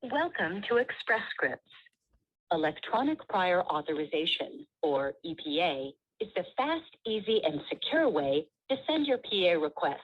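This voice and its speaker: Husky low woman on a recorded phone menu. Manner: measured, even, polite. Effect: recorded phone menu voice heard over a speakerphone. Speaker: automated phone system prompt. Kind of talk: scripted automated phone menu prompts. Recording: muffled speakerphone audio.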